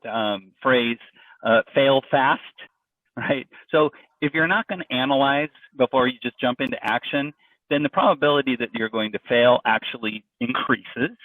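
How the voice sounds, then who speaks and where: A man's voice: mid-range voice, a bit bright, no room sound. A man giving an informal presentation, talking in a loose, conversational way with frequent fillers and restarts. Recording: dry, distant, phone-like audio.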